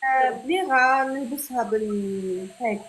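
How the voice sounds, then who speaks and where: A woman's voice: a little high, moderate pace, fairly bright tone. A woman chatting casually on a livestream. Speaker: livestream participant thanking supporters. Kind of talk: casual chat. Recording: clearly noisy livestream audio.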